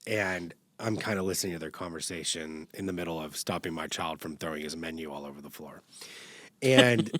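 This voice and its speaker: A young man hosting a podcast, telling a personal story in a relaxed, conversational way. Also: low-pitched, fairly quick, no room sound. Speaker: podcast host. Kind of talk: casual conversational interview.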